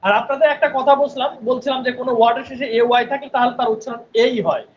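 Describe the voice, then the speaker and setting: A man's voice: very high-pitched, steady tone, very fast, lo-fi sound, slight background noise. A male English teacher giving an online spoken English class, patiently repeating words and often checking in with his students.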